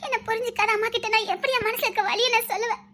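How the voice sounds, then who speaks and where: A woman with a Tirunelveli Tamil accent, voicing a lovesick young woman in an animated story who pines plaintively for her beloved. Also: very high voice, very fast, noisy background. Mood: pining. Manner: pining, plaintive.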